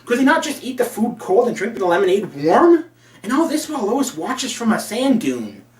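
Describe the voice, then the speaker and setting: A man's voice: high voice, big pitch swings, moderate pace. A man reviewing an old comic book with sarcastic, crude asides. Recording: roomy, from a distance.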